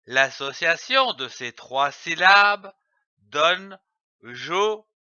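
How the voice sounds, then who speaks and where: Slow, carefully articulating male reading teacher. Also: on the high side, expressive, sharp tone, no room sound. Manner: slow, over-articulated, spells out syllables. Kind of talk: reading lesson for parents and young children. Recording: dull lo-fi dry sound.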